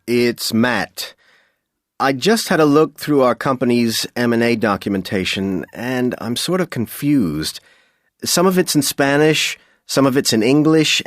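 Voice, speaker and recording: A man playing a client leaving a slow voicemail. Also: mid-range voice, dry recording, clean studio sound. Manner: casual and hesitant, hedging with fillers. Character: adult male business client, confused, polite. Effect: leaving a voicemail message. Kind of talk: scripted textbook audio dialogue.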